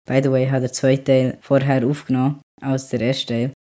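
Quiet young man. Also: mid-range voice, brisk. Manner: calm, quiet talker, rises when emotional. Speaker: podcast host. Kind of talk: casual podcast chat.

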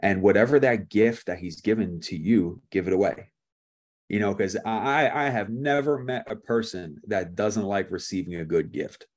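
Low, husky male pastor telling stories in a loose, conversational sermon. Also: moderate pace. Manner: casual and conversational, with frequent "like" and restarts. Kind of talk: sermon with personal storytelling.

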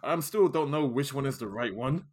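A man's voice: medium pitch, normal speed. A man co-hosting a film podcast, talking in a laid-back way with plenty of slang and restarts. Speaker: podcast co-host. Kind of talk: casual film review chat.

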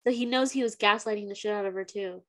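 A woman's voice: mid-range voice, fast. Woman co-host, plain mid voice, blunt and slangy, casual book talk.

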